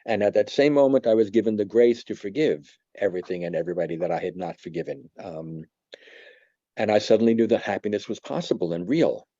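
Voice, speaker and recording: A man in his seventies from New York, telling a personal faith testimony in a reflective, halting way with many pauses. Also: on the low side, warm tone, no room sound, muffled recording. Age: 70s. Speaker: church member giving testimony.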